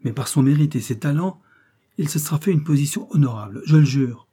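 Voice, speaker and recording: A man's voice: on the high side, fairly quick, warm tone, slightly rough, voice pushed up. Nadia, a man voicing a fiery young princess. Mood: impassioned. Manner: impassioned, defiant speeches. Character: proud idealistic young Russian princess.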